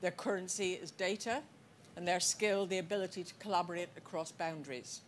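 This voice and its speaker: A woman delivering a scripted conference speech, measured and deliberate, with the odd wry aside. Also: fairly low pitch, slight background noise. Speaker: conference speaker. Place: conference hall.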